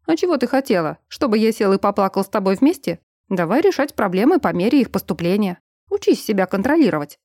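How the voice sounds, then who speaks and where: Woman reading as teasing calm ex-cop man. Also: medium pitch, fast, no room sound, studio quality. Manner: teasing, unruffled.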